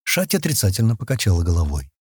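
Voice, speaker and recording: A man reads science fiction narration with lively, expressive intonation. His voice is husky and sits close to the mic in a dry, dead space. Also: on the low side, very fast, no echo. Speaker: audiobook narrator. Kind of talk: scripted narration.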